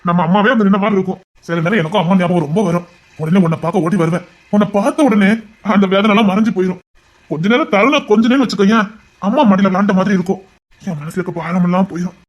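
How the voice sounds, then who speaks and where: A soft-hearted older brother with a Tirunelveli Tamil accent. He talks quickly and soothingly, his voice catching with feeling. This is a family TV serial scene. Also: sits high. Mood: consoling. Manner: gentle, consoling, choked with emotion. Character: tender older brother, a police officer. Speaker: actor in a TV serial. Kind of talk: TV serial acting.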